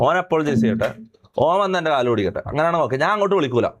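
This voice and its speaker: A man's voice: on the high side, very animated, rapid-fire. A man talking on a livestream, emphatic and aggrieved, who keeps checking that listeners understand. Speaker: streamer. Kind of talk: livestream chat.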